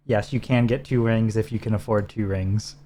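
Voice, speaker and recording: A man's voice: fairly low pitch, normal speed. A man co-hosting a game stream, casually walking a teammate through menus and gear. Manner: relaxed, instructive, talks teammate through menus. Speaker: streamer co-host. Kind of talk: casual gameplay chat.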